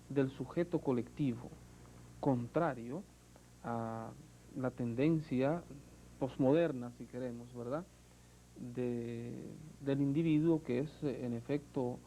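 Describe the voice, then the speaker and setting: A man's voice: mid-range voice, mellow, slight background noise, rough recording. A man interviewing an artist, speaking in an articulate, literary way and often adding short affirmations. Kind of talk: interview conversation.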